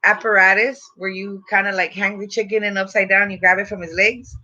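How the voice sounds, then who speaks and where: A woman's voice: mid-range voice, level tone, fairly quick, sharp tone. A young adult woman chatting casually in a slangy, profane stoner manner. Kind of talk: casual chat. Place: small dim bedroom indoors. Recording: dull lo-fi room recording.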